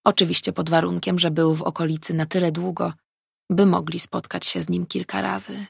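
A woman reading a novel aloud as an audiobook narrator, in calm, even storytelling. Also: on the low side, brisk, vocal fry, slightly rough, no echo, studio quality. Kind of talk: scripted narration.

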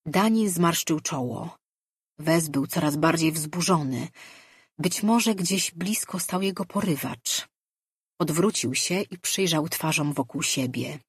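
Husky audiobook narrator, measured fantasy read, dry close mic, mid pitch. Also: no echo. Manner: measured, even storytelling.

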